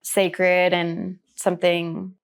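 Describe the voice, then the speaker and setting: A woman hosting a podcast, asking a guest gentle, encouraging questions. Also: on the low side, monotone, very slow, clear, resonant tone. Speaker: podcast host. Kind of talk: interviewing.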